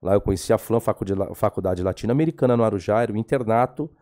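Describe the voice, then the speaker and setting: A man's voice: lowish voice, fast talker. A man, a theology professor telling stories as a podcast guest and acting out the dialogue. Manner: animated, acts out dialogue. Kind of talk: storytelling interview.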